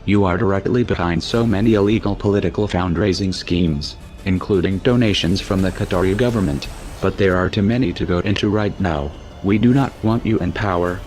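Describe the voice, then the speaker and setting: A man speaking through a disguised deep voice, reading a cold, measured, menacing scripted statement. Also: a little mellow, faint music behind.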